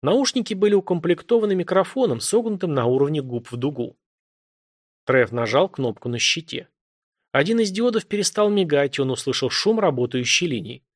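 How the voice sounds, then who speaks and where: A man narrating an audiobook with measured, dramatic storytelling. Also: a little high, expressive, no echo, clean studio sound. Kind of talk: scripted narration.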